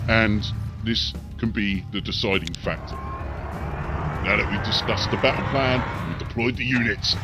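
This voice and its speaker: A gaming video host with a medium-pitched voice and vocal fry plays a video game while giving tactical commentary, narrating each move and reacting to the action.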